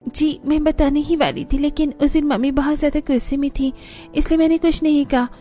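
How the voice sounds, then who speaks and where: A man voicing young women in a cartoon story, in a high falsetto. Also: fairly even intonation, brisk, dark tone, faint music behind. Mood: pleading. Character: young women: daughter-in-law, sister, scheming neighbor. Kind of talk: cartoon voice acting.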